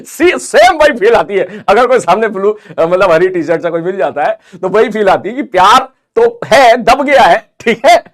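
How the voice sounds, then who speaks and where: A high-voiced man with an Indian accent teaches physics in a live online class. He talks quickly and energetically, chatty and encouraging as he reads out messages from students.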